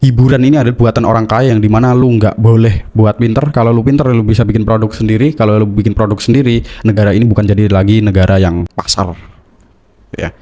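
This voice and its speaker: Male finance YouTuber from Indonesia, mellow low voice, rapid, blunt, scolding delivery. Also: steady tone. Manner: blunt, scolding, slangy, tags lines with "gitu". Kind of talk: blunt casual monologue.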